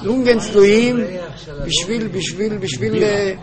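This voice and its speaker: A man telling a story to a group at a gathering, halting and often repeating and restarting his words. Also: high voice. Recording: crowd chatter behind voice.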